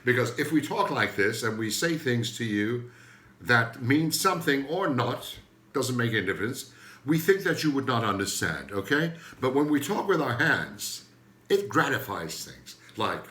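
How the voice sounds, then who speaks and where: A man's voice: mid-range voice, big pitch swings, normal speed, sharp tone, reverberant. An older man from Turkey with a Turkish accent, a native Turkish speaker, hosting a rambling, joking comedy monologue that often loses its thread. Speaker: comedian host.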